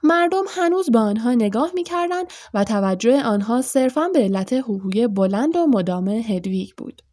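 Higher-voiced woman reading a novel aloud. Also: animated, dark tone, no echo, studio quality. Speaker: audiobook narrator. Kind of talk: scripted narration.

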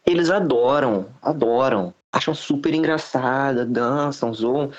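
A man's voice: medium pitch, unhurried, dull audio. A man with a Brazilian Portuguese accent talking bluntly and with slang in a casual podcast conversation, giving strong opinions. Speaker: podcast guest.

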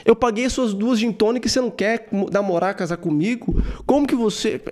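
A man's voice: sits high, fairly quick, darkish tone, voice pushed up, natural voice. A man voicing a whiny, entitled young Brazilian man who complains about women, ranting with self-pitying indignation.

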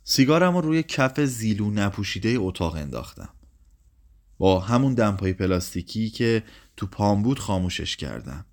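Man calmly reading literary fiction. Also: lowish voice. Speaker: storyteller. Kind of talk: literary narration.

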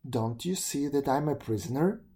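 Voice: medium pitch, expressive, moderate pace, mellow, close to an everyday voice. A reader voicing a proud, complaining male dung beetle in a storybook reading. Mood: indignant. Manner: indignant, complaining.

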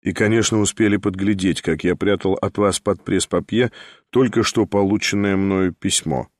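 A detached, icy nobleman, played by a male reader speaks in a lowered, restrained voice. His replies are short and unhurried. The sound is close and dry. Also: steady tone, no room sound. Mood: cold, curt. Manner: cold, restrained, curt. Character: cold, calm, aloof young nobleman.

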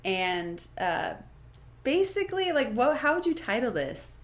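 A young adult woman co-hosting a podcast, telling stories in a chatty, animated way. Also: on the high side, unhurried. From Florida. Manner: chatty, animated storytelling with laughter. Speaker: podcast co-host. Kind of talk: casual chat.

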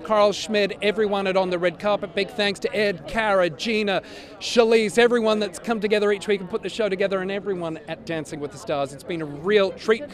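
Gushing high-voiced male red carpet host. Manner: gushing, upbeat, effusive. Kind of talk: live presenting to camera, red carpet chatter. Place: outdoors at a shopping plaza. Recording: busy outdoor crowd behind.

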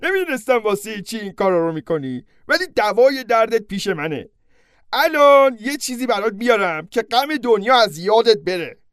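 A man's voice: high voice, very animated, fairly bright tone, clear, resonant tone, no room sound, studio quality. A man doing a chummy, slangy centaur buddy. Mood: apologetic. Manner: chummy, slangy, boastful host. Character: friendly male centaur, boisterous old buddy.

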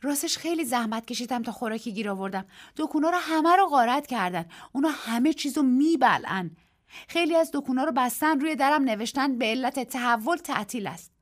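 A woman reading the part of a frightened young woman in a radio story, her lines high and agitated. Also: lively intonation. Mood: anxious. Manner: high-pitched and agitated, rising to cries.

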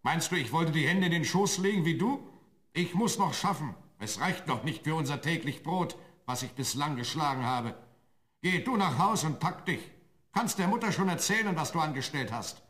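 A man playing a gruff, scolding woodcutter father in a fairy-tale radio play. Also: a little high, expressive, normal speed, a bit bright. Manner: scolding and grumbling.

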